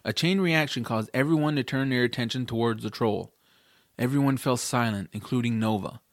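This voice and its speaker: As a scripted audiobook, a family fantasy tale is narrated in the first person by a man. His middle-pitched voice moves briskly, recorded close and dry with no echo.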